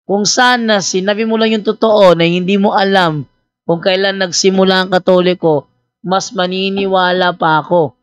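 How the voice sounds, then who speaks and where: Animated male priest telling a story. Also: sits high, no echo, dull audio. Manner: animated, teasing storyteller acting out both sides of a dialogue; conversational, with frequent fillers and restarts. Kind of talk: storytelling apologetics talk.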